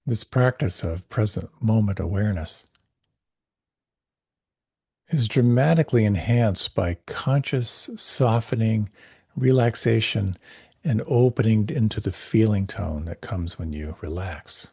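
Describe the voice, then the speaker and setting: A man teaching a guided meditation class, giving gentle, unhurried, soothing instructions with pauses. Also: fairly low pitch, animated, husky, no room sound, studio quality.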